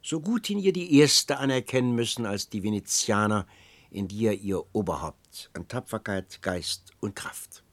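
A man reading aloud, voicing an old counselor who persuades with ornate, flattering speech, in a storybook reading. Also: lowish voice, a little slow, no room sound. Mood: urging.

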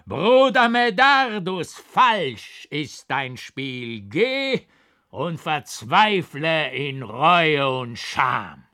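A man voicing a ghostly male stranger painter who speaks in slow, drawn-out, booming pronouncements. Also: sing-song, bright, forceful tone, heavily acted. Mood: mocking.

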